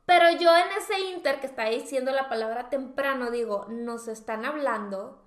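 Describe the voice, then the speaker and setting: A young Mexican woman co-hosting, telling a story in a casual, animated way and acting out reactions. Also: sits high, brisk. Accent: Mexican Spanish. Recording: echoey room.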